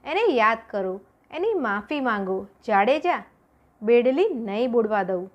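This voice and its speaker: A woman voicing a calm, devout woman who firmly reassures a frightened man during a storm at sea. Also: on the high side, a little slow, lo-fi sound. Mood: reassuring. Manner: calm, firm.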